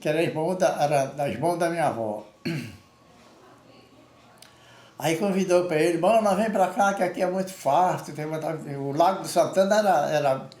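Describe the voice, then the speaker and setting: Old guy from the amazon in brazil, amazonian accent, telling stories informally, highish voice, repeats himself, echoey. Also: a little mellow. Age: older. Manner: rambling, repeats words, often ends phrases with a tag question. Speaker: storyteller. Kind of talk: informal oral storytelling. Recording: echoey room.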